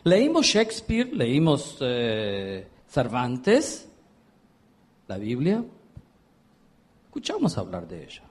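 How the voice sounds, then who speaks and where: A man who is a rabbi, giving an animated storytelling lecture. He acts out the dialogue of his anecdotes and puts questions straight to his listeners. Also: mid-range voice, takes it slowly, long pauses, husky. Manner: questions the audience directly.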